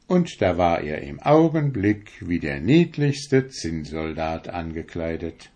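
A man narrating a fairy tale as a storybook reading, as a lively storyteller. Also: low-pitched, slow pace. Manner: lively storyteller, voices the animals.

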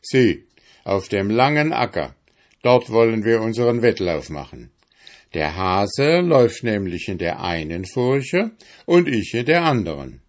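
Guy doing a sly gruff hedgehog, bossy and cocky, lively storybook voice. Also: on the low side, a little slow. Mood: scheming. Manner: crafty, bossy.

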